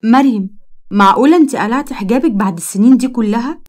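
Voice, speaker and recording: A woman's voice: on the high side, fast talker, a little mellow, close to an everyday voice. A woman voicing an earnest, devout young female student who scolds her friend, with an Egyptian Arabic accent. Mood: shocked.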